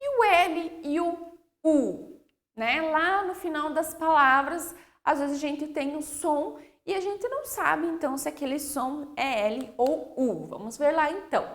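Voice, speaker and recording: A woman teaching young children spelling, drawing out each example word slowly and checking in with "ok?". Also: high-pitched, expressive. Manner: slow, drawn-out word-by-word dictation with frequent "ok?" checks. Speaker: primary school teacher.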